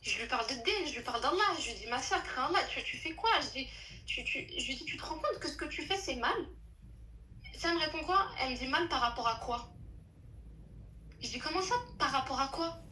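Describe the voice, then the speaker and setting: A young woman telling a true story in a casual chat, animated and slangy, with many restarts. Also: high-pitched, brisk, roomy sound, slight background noise, poor audio.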